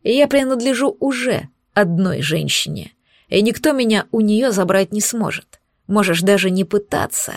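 A woman's voice: mid-range voice, expressive, moderate pace, dry recording, clean studio sound, natural voice. A woman voicing a smug, possessive male demon in a storybook reading. He speaks in a mocking, self-assured way. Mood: cold.

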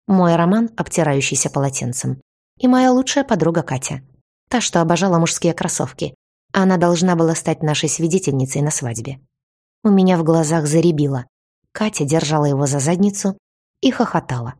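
A woman narrating a story in the first person, in a steady, even storytelling manner. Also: low voice, brisk.

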